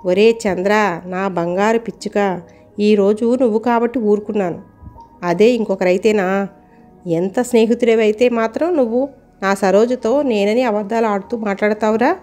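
A woman's voice: mid-range voice, normal speed, a little mellow, faint music behind, natural voice. A woman voicing a brash, hot-tempered young man who scolds and pleads with his friend, in a storybook reading. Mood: scolding.

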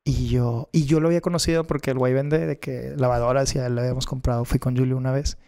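A young man with a gravelly Mexican Spanish accent tells a story on a podcast. He talks loosely and with plenty of slang, laughs often, and acts out the voices of the people in his story. His pitch sits in an ordinary middle range. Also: fairly even intonation, fast, dark tone. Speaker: podcast guest. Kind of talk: casual storytelling.

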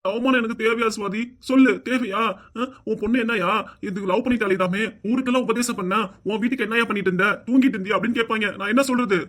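A performer plays a strict, hot-tempered middle-aged father with a southern Tamil accent, scolding his wife, shouting, and then weeping. The voice is mid-range and natural, delivered quickly with hardly any pauses.

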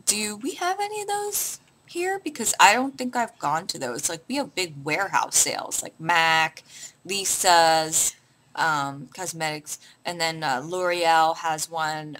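Bright-voiced chatty woman vlogger. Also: lowish voice. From Canada. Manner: chatty, with many fillers and restarts. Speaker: beauty vlogger. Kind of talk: casual chat answering a tag questionnaire.

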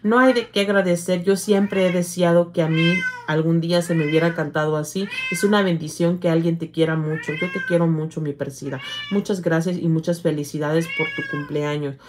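A middle-aged woman, hosting a casual livestream, reading viewer comments aloud and calling her viewers "hija" in an affectionate, halting manner. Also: fairly low pitch, steady tone, background noise. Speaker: livestream host.

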